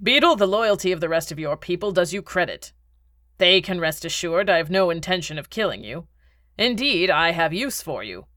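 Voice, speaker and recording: A woman voicing a scheming, contemptuous middle-aged male baron with a measured, condescending delivery. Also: sits high, animated, pushed and bright, no echo, clean studio sound. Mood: dry.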